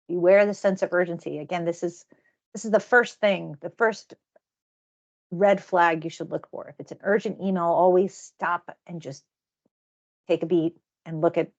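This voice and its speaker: Woman, webinar trainer, low gravelly voice, dull lo-fi sound, chatty with frequent restarts. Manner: conversational, repeats words and restarts phrases. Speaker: security awareness trainer. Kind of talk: webinar presentation.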